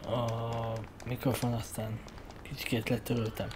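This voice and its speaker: A man's voice: mid-range voice, completely flat delivery, normal speed. A young adult man giving casual commentary while streaming a game from a room at home. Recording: noisy stream with game sound.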